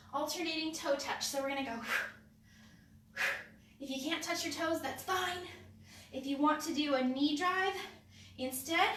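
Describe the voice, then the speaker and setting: Woman fitness instructor, high voice, sniffly, echoey room, off-mic camera audio. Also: pushed and bright, recorded from a distance, slight background noise. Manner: upbeat, cueing moves and counting reps. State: sniffly, runny nose. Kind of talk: live workout coaching. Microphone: camera mic from a distance.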